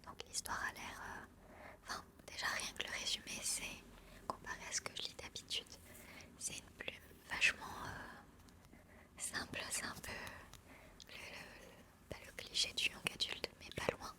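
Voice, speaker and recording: Woman in a hushed library whisper, ASMR. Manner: soft, hushed, unhurried delivery, reading blurbs and commenting. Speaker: ASMR book channel host.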